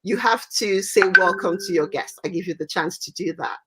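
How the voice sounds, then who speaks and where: A woman's voice: on the low side, normal speed, very noisy. A woman from Cameroon hosting a livestream interview, enthusiastic and repeating words for emphasis. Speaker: talk show host.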